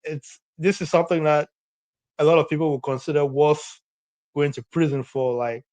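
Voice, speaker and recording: A man from Cameroon calls in with a slightly high voice, putting his point across in an earnest, measured way. His voice sounds dry and close. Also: steady tone, a little mellow, no room sound. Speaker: caller. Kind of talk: phone-in comment.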